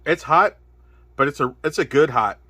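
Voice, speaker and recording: A man's voice: fairly high pitch, lively intonation, normal speed, pushed and bright, no room sound. A man casually reviewing spicy noodles on camera, exclaiming between bites as the heat builds. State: mouth burning from spicy food. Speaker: product reviewer. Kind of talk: casual food review vlog.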